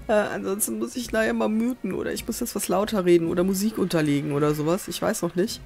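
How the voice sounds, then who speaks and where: A woman's voice: medium pitch, fairly even intonation, quick pace, vocal fry, hardly any pauses, a little mellow. A woman giving casual let's play commentary, chatting to viewers and muttering to the animals she tames, on a USB desk microphone at home. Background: faint festival noise from outside.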